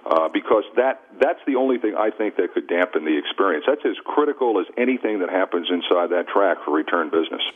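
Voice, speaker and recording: A deep, husky-voiced American man talks fast and animatedly, barely pausing, as a radio guest calling in over the phone. He offers casual, emphatic sports commentary, repeating himself to drive his points home. The tinny, band-limited phone line comes through on the radio.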